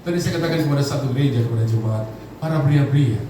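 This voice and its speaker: A man's voice: medium pitch, fast talker. Man, pastor, humorous sermon, echoing church, noisy background, far from the mic. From Indonesia. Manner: humorous preaching, calls on the congregation to respond. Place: large church hall. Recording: echoey hall, distant mic, background noise.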